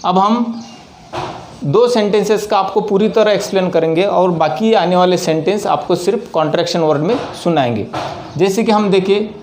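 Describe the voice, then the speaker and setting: A man teaching an English lesson, explaining slowly and deliberately and spelling out example sentences. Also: sits high, a little mellow.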